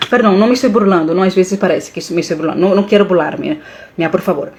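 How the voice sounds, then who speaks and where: Animated woman on a live stream. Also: on the low side, rapid-fire, a little hiss or hum. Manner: animated, mixes Portuguese and Spanish, emotional.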